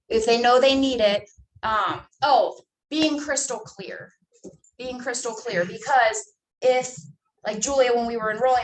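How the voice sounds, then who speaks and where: Heard from far off in an echoey room with faint ambience and background noise, a woman in her twenties trains new sales agents. Her voice is on the high side, and she talks emphatically with many fillers as their sales trainer.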